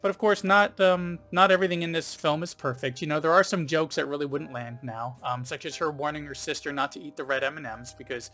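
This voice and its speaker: A man's voice: fairly high pitch, brisk, hardly any pauses, bright, forceful tone, soft background music. A man hosting a casual film review video, rambling a little with frequent ums and you-knows. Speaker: film reviewer, channel host.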